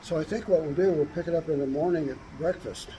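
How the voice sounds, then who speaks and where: A man's voice: on the high side, fast. A man chatting casually as he narrates a travel vlog. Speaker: travel vlogger. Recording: noisy handheld travel video.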